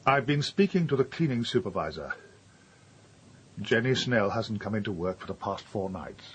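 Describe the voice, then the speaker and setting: An actor playing a calm, measured companion of a detective. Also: male voice, fairly low pitch, slightly rough. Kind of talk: radio drama.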